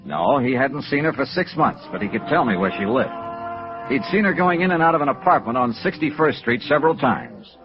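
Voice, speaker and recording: On a dull vintage radio recording with music, an American actor leads and narrates a 1950s noir as a wry, dogged freelance insurance investigator of the private-eye sort. His mid-range male voice is brisk, lively, and close to everyday speech, clipped, matter-of-fact, dry, and businesslike.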